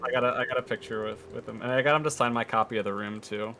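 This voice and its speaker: A man chatting casually on a group call, telling stories in a relaxed, rambling way. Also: medium pitch, racing, over music. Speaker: podcast co-host. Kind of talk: casual storytelling chat.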